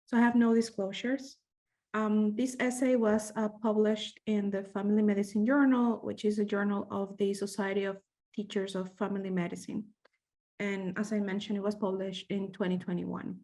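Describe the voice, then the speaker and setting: A young woman from Venezuela with a Venezuelan Spanish accent, a medical fellow presenting at a webinar, speaking haltingly with many fillers and restarts. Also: mid-range voice, flat delivery, warm tone. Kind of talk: conference presentation.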